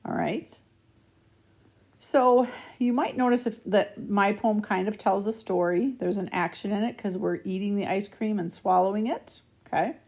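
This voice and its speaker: Warm, gravelly-voiced woman teacher. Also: mid-range voice, normal speed. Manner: patient, checks in with frequent "okay?". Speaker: elementary school teacher. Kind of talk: recorded remote lesson over slides.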